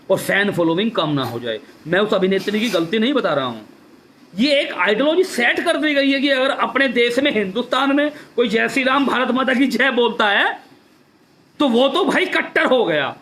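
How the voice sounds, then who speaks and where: A man's voice: sits high, sharp tone, slight background noise. A man giving an impassioned address on a live stream, repeating his points and asking rhetorical questions. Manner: fervent, repetitive, rhetorical questions. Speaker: activist speaking on a Facebook live stream. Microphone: phone or webcam for a live stream.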